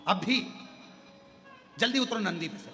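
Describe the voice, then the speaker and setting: A man's voice: high voice, lively intonation, a little slow, sharp tone, pitched above the performer's own voice, full character voice. Man doing a coaxing goddess wife. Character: goddess wife, insistent and curious. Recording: echoey hall with devotional music.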